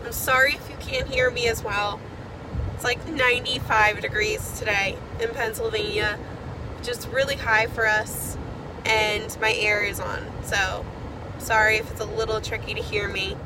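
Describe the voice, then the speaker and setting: A young woman who sells through network marketing records a casual video message on her phone in a car with the air conditioning running. Still getting over a cold, she rambles with lots of fillers in a fairly high voice with fairly even intonation at a normal speed, and background noise is audible.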